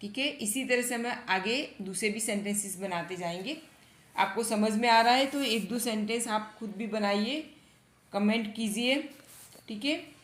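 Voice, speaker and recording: A woman teaching English in Hindi, asking her own questions and then repeating each example sentence slowly with stress. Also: on the high side, echoey room. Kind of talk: online English lesson in Hindi.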